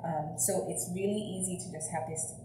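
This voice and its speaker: A woman's voice: on the low side, moderate pace. A young woman explaining things casually as a guest, in a slightly hesitant way. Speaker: guest sharing tips and recipes. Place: home kitchen, indoors. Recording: echoey kitchen with faint hum.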